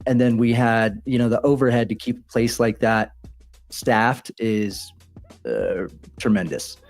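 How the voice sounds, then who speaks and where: A man's voice: medium pitch, measured pace, darkish tone, soft background music. Easygoing man from Texas. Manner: easygoing, many fillers and restarts, laughs often. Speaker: guest trader. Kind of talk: casual interview talk.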